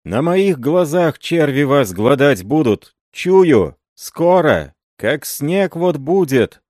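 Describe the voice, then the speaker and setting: A man's voice: lowish voice, expressive, a little slow, no echo, clean studio sound, voice pushed up. A man voicing an old woman teacher who shrieks fierce curses in an audiobook reading. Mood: cursing. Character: old woman teacher, shrill, vengeful, cursing.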